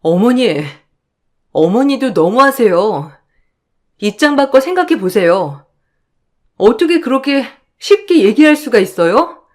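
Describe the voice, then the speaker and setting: A woman's voice: fairly high pitch, big pitch swings, unhurried, long pauses, darkish tone. Woman voicing a distraught tearful daughter. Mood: indignant. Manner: pleading, tearful.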